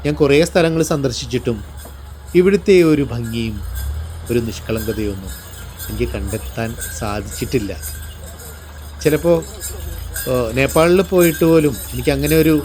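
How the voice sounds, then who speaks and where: A man from Kerala with a Kerala accent narrates a descriptive vlog in a reflective, measured way, phrase by phrase. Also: mid-range voice, lively intonation, darkish tone. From Palakkad district, Kerala, India. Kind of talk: descriptive vlog narration of local temple customs. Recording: voice-over with music behind. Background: music.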